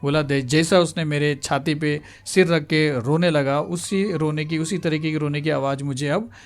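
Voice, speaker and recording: A man with a slightly high voice teaches a school literature lesson. He restates each line in plainer words and slips English words into his explanations. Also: steady tone, moderate pace.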